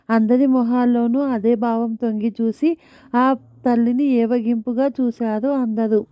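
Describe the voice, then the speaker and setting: High-voiced woman telling a story. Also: no echo, highs cut off. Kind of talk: first-person story narration.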